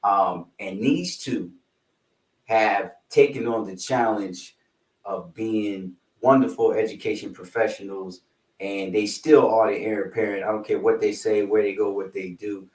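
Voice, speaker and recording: A man's voice: fairly low pitch, unhurried. A man co-hosting a podcast, chatting playfully in slang before introducing his guests over a video call. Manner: animated, playful, lots of slang and fillers. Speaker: podcast co-host. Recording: echoey, distant from the mic.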